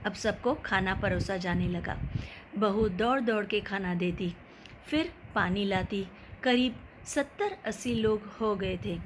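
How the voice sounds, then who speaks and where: A woman narrating a family moral story as a storyteller, gentle and unhurried. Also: mid-range voice, noisy background.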